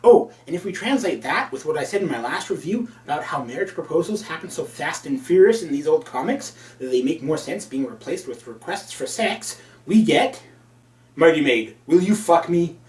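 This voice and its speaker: A man's voice: fairly high pitch, lively intonation, brisk, few pauses, a little mellow. A man reviewing an old comic book with sarcastic, crude asides. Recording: roomy, from a distance.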